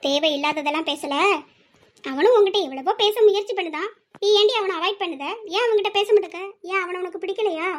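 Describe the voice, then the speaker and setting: This is a pushy, teasing schoolgirl from an amateur audio drama, voiced by a woman. The voice sits very high, and she nags her friend with one question after another. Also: a little fast.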